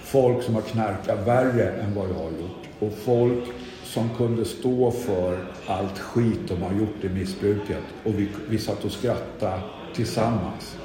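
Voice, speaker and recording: A man's voice: fairly low pitch, a crowd in the background. A middle-aged man tells his own recovery story in a candid, self-deprecating way. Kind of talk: personal testimony talk. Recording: echoey hall with audience.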